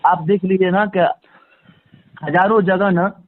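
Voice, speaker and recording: A high-voiced man speaks at a moderate pace in a steady tone, with no room sound. He's a guest on a conversational phone interview, emphatic and repeating phrases for stress. It comes through a phone line, so the recording is tinny and band-limited.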